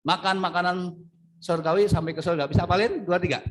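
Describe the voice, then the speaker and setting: A man preaching a lively sermon, joking, acting out little scenes and calling on the congregation to answer. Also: sits high, fairly quick. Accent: Indonesian. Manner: animated, jokey, acts out little scenes, calls on congregation. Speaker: pastor.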